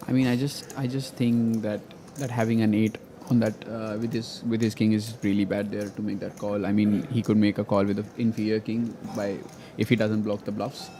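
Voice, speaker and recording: A man analyses poker hands in a lowish, mellow voice with little melody. He is conversational and a bit hesitant, with faint noise behind him. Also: little pitch movement, moderate pace, hardly any pauses.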